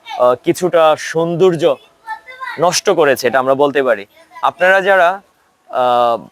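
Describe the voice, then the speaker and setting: A man from Bangladesh narrating a tour of a historic estate outdoors, speaking formally and pausing often on "ah" fillers. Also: fairly high pitch, fairly bright tone, slight background noise. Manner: formal, with frequent hesitant "ah" fillers. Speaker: travel vlogger and tour guide.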